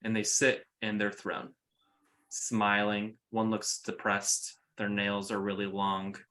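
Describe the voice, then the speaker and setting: A man narrating a tabletop role-playing game as game master, with halting, conversational descriptions. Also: lowish voice, monotone, pushed and bright.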